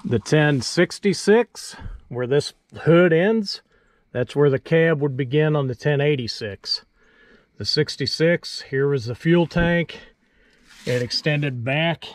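A man with a slightly high voice hosts a farm video, explaining a tractor's features in a plain, folksy manner and thinking aloud as he goes.

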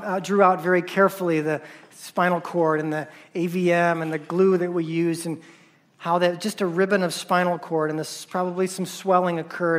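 A man who works as a surgeon tells a personal story at a conference, halting and repeating words, his voice dropping soft at painful moments. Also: sits high.

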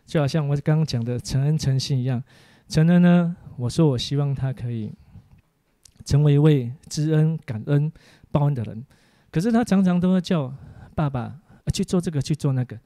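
A man, a preacher giving a teaching sermon for an online course, full of animated stories about his family. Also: on the high side, moderate pace, no room sound.

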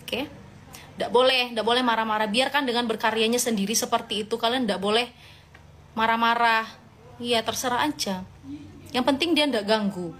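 Woman live-stream host, fairly high-pitched, playful and motherly, faint background hiss. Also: normal speed, long pauses. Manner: chatty and playful, answering comments aloud; gently scolding, motherly tone to followers. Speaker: live-stream host reading viewer comments. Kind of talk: casual live-stream chat.

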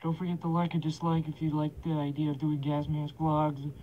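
A man's voice: a little high, monotone, a little fast. Young man talking through a gas mask. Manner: offhand, swears a lot, rambles. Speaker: vlogger. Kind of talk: casual rambling vlog talk. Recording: dull lo-fi with faint hiss.

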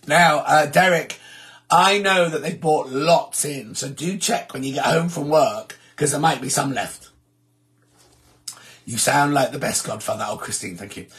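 A man with a sore, hoarse throat hosting a live stream, chatting casually and reading out viewer comments. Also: fairly high pitch, unhurried, fairly bright tone. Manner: chatty, rambling, self-deprecating.

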